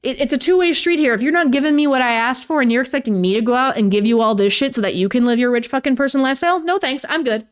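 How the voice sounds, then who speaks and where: A woman's voice: high-pitched, fast talker, hardly any pauses, smooth. A young woman, giving a casual vlog commentary in a ranting, sarcastic way and swearing freely. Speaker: YouTuber.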